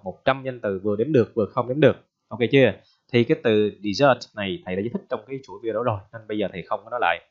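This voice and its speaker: A male English teacher gives a casual, joking vocabulary lesson and keeps checking in with his students. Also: on the low side. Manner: chatty, joking, frequent tag questions. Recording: dull lo-fi recording.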